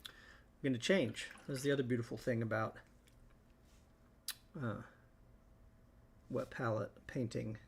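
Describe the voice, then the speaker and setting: Man, live painting tutorial, fry in the voice, thinking aloud. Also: mid-range voice, a little slow, pauses often, a little hiss or hum. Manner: relaxed, thinking aloud while working. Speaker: host.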